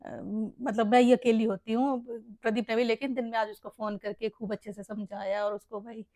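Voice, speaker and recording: A middle-aged woman with a Haryanvi accent talks in a casual, heartfelt vlog chat, rambling and emotional and calling her listeners "bhai". Her voice sits fairly high. The sound is dry and close, with no room around it. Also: level tone, a little fast, warm tone, dry recording. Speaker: mother and family vlogger.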